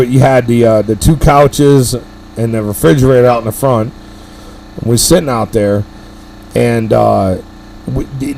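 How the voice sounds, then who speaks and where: Man, middle-aged, gravelly voice, profane, rambling storyteller, live stream host. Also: medium pitch, darkish tone, a little hiss or hum. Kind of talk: casual storytelling chat.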